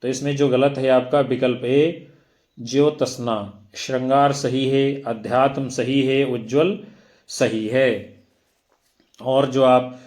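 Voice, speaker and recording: A male teacher talks through exam questions at a very slow, measured pace. He reads each option aloud one at a time, then explains the right answer, at a mid-range pitch. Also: level tone, a little mellow. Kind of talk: exam-prep lesson.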